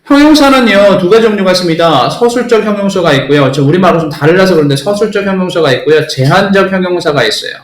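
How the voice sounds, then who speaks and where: A man's voice: sits high, expressive, fast, hardly any pauses, echoey room, low-quality recording. A man teaching English in a recorded class, emphatic and blunt, often checking that students understand.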